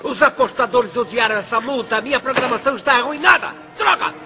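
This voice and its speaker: Man, Brazilian accent, furious scornful fight promoter, strikingly high voice, dubbed film drama, music behind. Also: a little fast, over a noisy crowd. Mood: angry, scornful.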